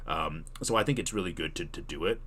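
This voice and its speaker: Very deep, bright-voiced man streaming casually. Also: fairly quick, breathy edge. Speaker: streamer giving tutorial and answering chat questions. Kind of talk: casual livestream Q&A talk.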